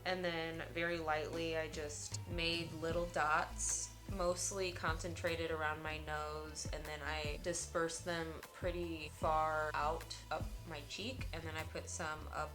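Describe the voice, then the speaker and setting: A woman's voice: sits low, level tone, unhurried, few pauses, music in the background. A woman giving a casual makeup tutorial as a beauty vlogger, with a lisp that turns her s sounds slushy, like sh.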